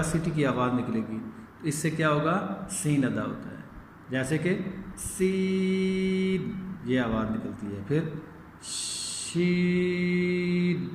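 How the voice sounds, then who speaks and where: A man teaching young children to read Quranic letters, patiently checking in and drawing out each letter sound in a chanted recitation. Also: on the high side. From Pakistan. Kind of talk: recorded lesson for young children. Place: echoey school room. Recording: echoey room with long reverb, faint hiss.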